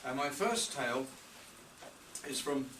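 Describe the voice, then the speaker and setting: At a birthday reception in a hotel, an older man shares dry, humorous anecdotes as a tribute, unfolding them like stories after dinner. His medium-pitched voice is expressive and a little slow. The sound is distant and roomy, with the function room's noise around him.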